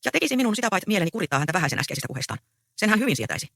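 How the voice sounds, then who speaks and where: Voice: mid-range voice, big pitch swings, fairly bright tone, no room sound, clean studio sound. A reader voicing a proud, easygoing young peasant man in a stage play read aloud. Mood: reassuring.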